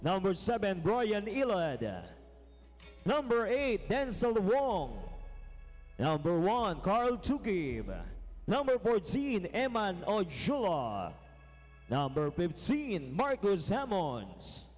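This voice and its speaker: Arena pa guy calling out players, slow and stretched, music going behind. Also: big pitch swings. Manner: drawn-out, booming name calls. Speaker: arena announcer. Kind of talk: player introductions. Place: indoor arena. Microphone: PA system.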